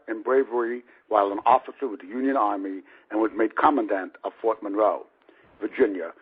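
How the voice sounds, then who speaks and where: Here a fifties-aged author narrates his personal prologue in a dry, chatty way, his medium-pitched voice slightly rough. The audio is muffled, with a lo-fi, radio-like quality.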